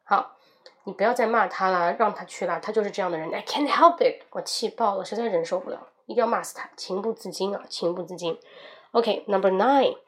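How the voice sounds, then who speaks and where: A young woman hosts an audio English lesson. She says each English phrase several times, slowly and with emphasis, then explains it in Mandarin. Her voice sits at an ordinary middle pitch. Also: a bit bright. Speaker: English teacher.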